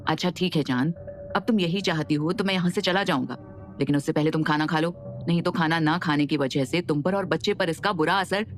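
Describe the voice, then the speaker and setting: Woman voicing a gentle, loving young husband. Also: mid-range voice, a little fast, soft background music, lightly acted. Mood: tender. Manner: soft, gentle and pleading.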